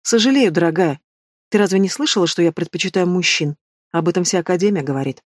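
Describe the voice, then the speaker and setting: A woman voicing a sharp-tongued young female student who answers with cool, mocking retorts. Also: lowish voice, fast talker, no echo, clean studio sound, lightly acted.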